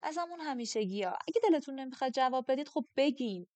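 A woman's voice: fairly high pitch, darkish tone, no echo, natural voice. A woman reading an audiobook, voicing a blunt, curious young woman who asks questions directly. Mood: curious, indignant.

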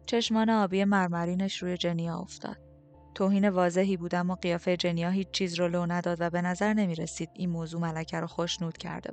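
A woman narrating a novel in the first person, with a steady, even storytelling delivery. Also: lowish voice. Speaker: audiobook narrator.

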